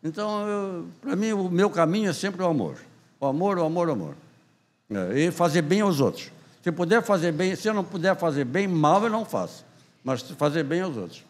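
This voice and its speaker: A man in his eighties with a Southern Brazilian accent, telling long stories in an interview, rambling and animated with many restarts. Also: on the high side, brisk. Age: 80s. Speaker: guest writer. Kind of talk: storytelling interview.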